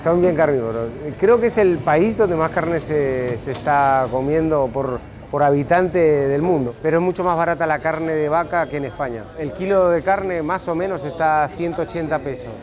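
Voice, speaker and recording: A man's voice: fairly high pitch, normal speed, crowd noise. A middle-aged man from Spain with an Aragonese accent, chatting casually and explaining things with frequent fillers. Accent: Aragonese Spanish. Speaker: interviewee. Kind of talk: casual chat while touring.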